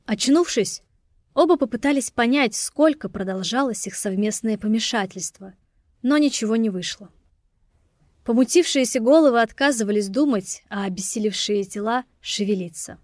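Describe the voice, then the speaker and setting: A woman narrating an audiobook in a steady, expressive reading. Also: on the high side, moderate pace, dry recording, clean studio sound. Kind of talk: scripted narration.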